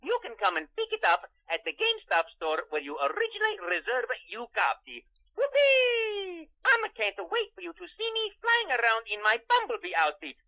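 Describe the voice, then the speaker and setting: Bubbly Italian plumber mascot with a put-on Italian accent, sing-song and bright, shouting catchphrases. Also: male voice, very high voice, creaky, heavily acted. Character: cheery Italian plumber hero, bouncy and excitable. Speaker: voice actor in a phone ad.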